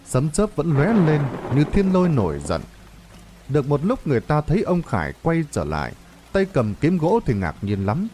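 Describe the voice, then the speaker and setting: Dark-voiced man telling a dramatic tale. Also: fairly high pitch, moderate pace, a little hiss or hum. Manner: dramatic, expressive. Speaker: storyteller. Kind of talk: dramatic horror story narration.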